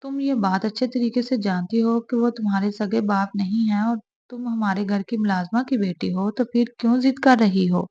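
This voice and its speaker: A woman's voice: medium pitch, normal speed, hardly any pauses, warm tone, lightly acted. Crying bitter sister, read by a woman, muffled sound. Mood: tearful. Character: tearful young woman, bitter older sister.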